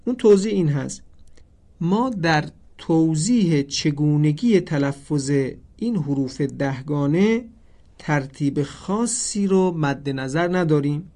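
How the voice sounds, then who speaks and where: Guy teaching tajwid, slightly high voice, reads out letters slow and careful, polite formal tone. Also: expressive, mellow. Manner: slow, deliberate, stresses each letter; formal, addresses listeners politely. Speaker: Quran recitation teacher. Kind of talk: tajwid lesson, reciting letter names.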